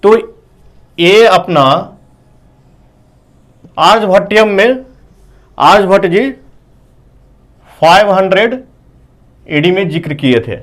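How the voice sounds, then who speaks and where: Slow, high-voiced man teaching math. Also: lively intonation. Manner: explains slowly, asks the class questions; keeps saying "okay" between points. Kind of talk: whiteboard math lesson.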